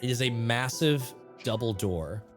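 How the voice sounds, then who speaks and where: A mid-pitched game master narrates a fantasy tabletop session. The delivery shifts between playful banter and deliberate description, with music playing underneath.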